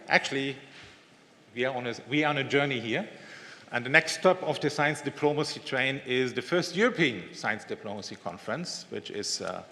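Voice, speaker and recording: A man giving a semi-formal explanatory conference address with deliberate, somewhat hesitant phrasing. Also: mid-range voice, sharp tone. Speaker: conference speaker, co-organizer. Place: large conference hall. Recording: long hall reverb.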